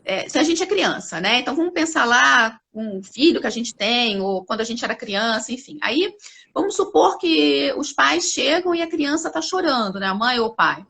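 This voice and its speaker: A woman speaking as a company CEO guest in a live interview, explaining ideas with animated examples. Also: high voice, normal speed, vocal fry, breathy edge. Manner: animated, acts out examples with lively voices.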